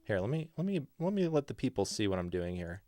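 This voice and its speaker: A man's voice: lowish voice, sing-song, fast. A man hosting a music livestream, chatting in an upbeat, playful way while he works in his studio. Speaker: livestream host and music producer. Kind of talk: casual livestream chat. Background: music playing.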